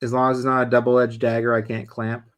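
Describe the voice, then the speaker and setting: A man with a mid-range voice co-hosts a laid-back knife talk show. He teases his partner easily and laughs often. His talk stays relaxed and conversational. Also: mid-range voice. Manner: easygoing, teasing, quick to laugh. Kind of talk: casual chat.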